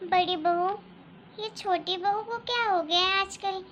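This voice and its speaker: A woman voicing a gentle, motherly mother-in-law who frets softly in a cartoon story. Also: very high voice, measured pace, a little hiss or hum. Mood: worried. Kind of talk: Hindi cartoon story dialogue.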